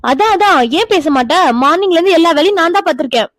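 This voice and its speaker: Woman doing a naggy bossy cartoon older sis, high voice, always telling someone off. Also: expressive, fast, no room sound. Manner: scolding, sharp-tongued, bossy. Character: bossy scolding older sister type, young woman. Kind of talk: cartoon voice acting.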